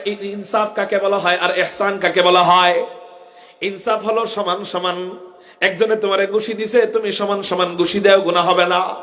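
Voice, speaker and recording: A young man, preaching an impassioned waz sermon, calling out to the crowd and chanting verses slowly. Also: high voice, fairly bright tone.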